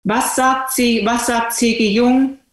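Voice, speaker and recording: A woman, a doctor, telling patient stories to an audience in a lively, colloquial, emphatic way. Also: a little high, takes it slowly, reverberant. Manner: colloquial, emphatic, addresses listeners directly. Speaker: doctor and speaker. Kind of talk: lively storytelling talk to an audience.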